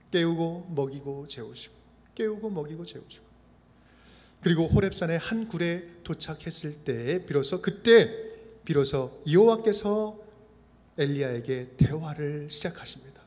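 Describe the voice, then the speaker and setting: A male pastor preaching a sermon in an expressive style. He repeats phrases in a steady rhythm and acts out the quotes he cites. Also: high voice. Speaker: senior pastor. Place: church sanctuary. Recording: reverberant church livestream.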